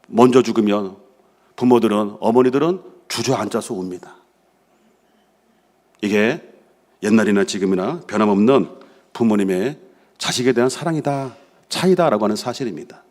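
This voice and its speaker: Reading scripture and then expanding on it through personal stories, this middle-aged senior pastor speaks in a medium-pitched, darkish voice. He keeps the congregation engaged with frequent questions and affirming "yes" responses.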